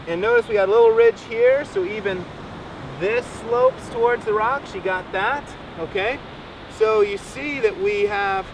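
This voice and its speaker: A man in his thirties teaching outdoors on a beach, explaining step by step and encouraging his student. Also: high-pitched. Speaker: rainwater harvesting teacher. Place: sandy beach outdoors by the surf. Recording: distant outdoor mic with surf noise. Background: waves and wind.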